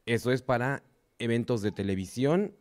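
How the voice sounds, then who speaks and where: A man's voice: mid-range voice, moderate pace, a little mellow. A man from Mexico with a Mexican accent, speaking as a wrestler answering interview questions in short segments. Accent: Mexican Spanish.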